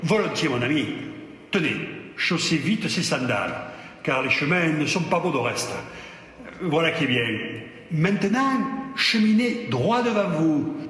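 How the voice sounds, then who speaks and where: A man's voice: fairly high pitch, expressive, measured pace, fairly bright tone. A man voicing a kindly, jovial old saint who keeps heaven's gate, in a storybook reading with a long echoing hall sound. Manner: jovial, obliging. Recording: echoey hall.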